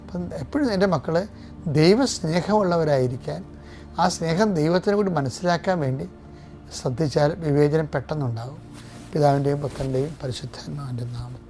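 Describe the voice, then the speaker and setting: A man's voice: fairly high pitch, fairly quick, darkish tone. An older man, a priest, preaching a fervent sermon with emphatic stresses, leading scripture lines to repeat. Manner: leads congregation in repeating scripture line by line. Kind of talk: sermon with prayers.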